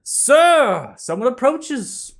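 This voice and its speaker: Picture an eager, fawning tabletop-game bard, pitched far up into a piping register. The delivery is loud and theatrical, every phrase an exclamation. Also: male voice, sing-song, extremely slow, heavily acted. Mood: excited, announcing.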